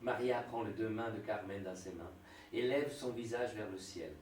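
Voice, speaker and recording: A man's voice: fairly low pitch, moderate pace, darkish tone. A man narrating the stage directions of a play as scripted reading. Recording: echoey room, distant mic, faint noise.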